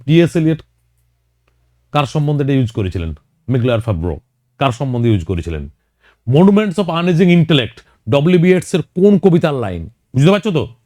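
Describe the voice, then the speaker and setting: A man's voice: a little high, big pitch swings, moderate pace, warm tone, no echo. Guy teaching exam prep, goes through questions one at a time, voice goes up and down a lot, dry close mic. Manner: explains questions one by one, addressing students directly.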